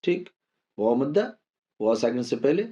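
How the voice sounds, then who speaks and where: A man teaching Quran reading, who explains each rule calmly and spells the syllables out slowly, repeating them and drawing the vowels long. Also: mid-range voice, breathy edge. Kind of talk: step-by-step spelling lesson.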